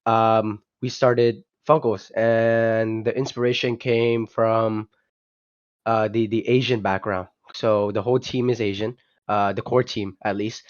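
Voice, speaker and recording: Hesitant and peppered with fillers like "you know," a young Vietnamese founder talks as a guest on a casual podcast held via online call, restarting often. His voice is fairly low and level, moving a little slowly. The audio is dull and lo-fi with no room sound.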